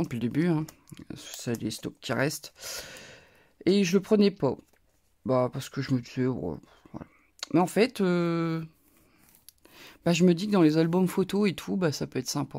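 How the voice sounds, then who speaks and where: A crafting YouTuber with a northern French accent chats casually in a haul video, showing off her purchases and rambling with frequent asides. Her voice is deep, gravelly, and warm.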